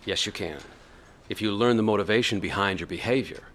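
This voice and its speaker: An actor playing a calm, firm addiction counselor in a radio drama, measured and instructive. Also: male voice, lowish voice, close to an everyday voice. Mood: firm, concerned.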